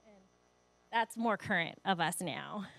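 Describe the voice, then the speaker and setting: A woman's voice: fairly low pitch, expressive, measured pace, gravelly, fairly bright tone. A woman in her forties giving a sermon in a church, telling personal stories in an emotional way and laughing often. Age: 40s. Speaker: guest speaker. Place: church sanctuary.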